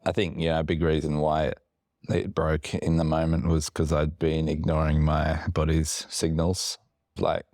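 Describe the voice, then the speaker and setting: A man with a very deep, gravelly voice chats on a podcast, wandering through his thoughts with fillers and restarts. He sounds slightly woozy from medication. The sound is close and dry. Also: a little mellow, no room sound. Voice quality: very low, gravelly voice. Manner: rambling, many fillers and restarts. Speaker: podcast co-host. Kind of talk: casual podcast chat.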